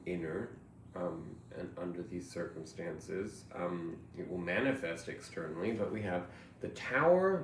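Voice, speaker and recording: Low-voiced musing man reading tarot. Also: a little hiss or hum. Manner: meandering, musing, trails off softly. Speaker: tarot reader. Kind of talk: reflective tarot reading monologue. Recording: roomy echo, faint ambience.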